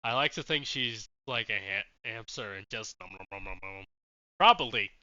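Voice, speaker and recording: A man's voice: lowish voice, normal speed, no room sound. A man streaming a game, reading its story text aloud in a casual, hesitant way with many fillers. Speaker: gaming streamer. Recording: muffled sound over loud game music.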